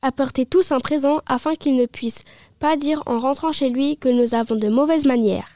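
A woman's voice: high voice, normal speed, mellow, dry recording, lightly acted. A woman reading aloud the lines of a courteous, genial old king, in a raised, announcing delivery. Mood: solemn. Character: courteous king, older man, genial host.

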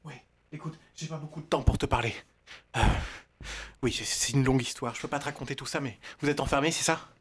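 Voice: medium pitch, fast talker, slight background noise. Improv comedy serial: performer as José, a man hidden in a vent, heard muffled and far off, pleading in a hurry. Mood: hurried. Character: José, a man calling through an air vent.

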